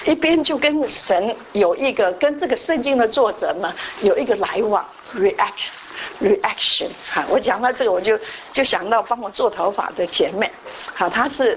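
A woman's voice: on the high side, a little hiss or hum, low-quality recording. A woman giving a sermon, telling a story and often slipping in English words. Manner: frequent "好" fillers and restarts. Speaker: church speaker.

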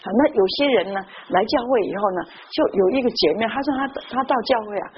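Fast-talking woman preacher, lo-fi. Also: on the high side. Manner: lively storytelling with frequent interjections. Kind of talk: sermon with personal stories. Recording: muffled lo-fi recording with faint noise.

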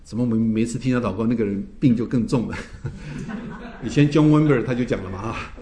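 A man, a pastor teaching a church class, telling stories in a lively way, tagging his phrases with "哈" and laughing often. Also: medium pitch, rapid-fire, slight background noise. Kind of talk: teaching a Bible class, with anecdotes. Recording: roomy echo.

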